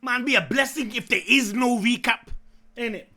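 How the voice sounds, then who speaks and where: A young man hosting anime reactions on YouTube gives excited live commentary in slangy, hyped-up bro talk that breaks into shouting. His raspy, creaky voice is extremely high, and he speaks at a moderate pace.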